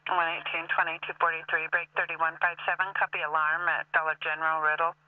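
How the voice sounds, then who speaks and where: A man dispatching calls over police radio, his voice thin and phone-like as if picked up from across the room. He rattles off numbers and addresses quickly in short, clipped bursts. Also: fairly high pitch, monotone, recorded from a distance. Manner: clipped, rapid call-sign delivery. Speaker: emergency dispatcher. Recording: tinny radio scanner audio from afar.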